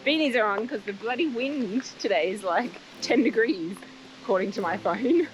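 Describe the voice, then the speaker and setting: A woman's voice: on the high side, animated, normal speed, highs cut off. A woman chatting casually in a travel vlog, rambling and laughing as she talks outdoors. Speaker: travel vlogger. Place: outdoors in wind. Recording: outdoor wind noise.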